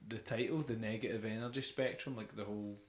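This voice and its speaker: A man's voice: lowish voice, steady tone, fast, a little hiss or hum. Rambling young man in an echoey room. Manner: rambling, enthusiastic, many fillers. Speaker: podcast host. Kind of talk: casual chat about music.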